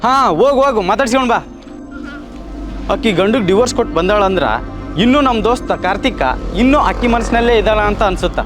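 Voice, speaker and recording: Actor as blunt young village friend, North Karnataka accent, quick talk, music bed. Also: male voice, very high-pitched. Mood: teasing. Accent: North Karnataka Kannada. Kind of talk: short film acting.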